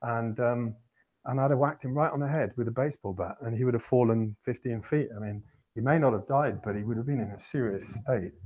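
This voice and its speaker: Talking a little fast in a mid-range, slightly mellow voice, a man hosting a podcast shares a long personal story. It's casual and rambling, full of self-corrections and wry chuckles.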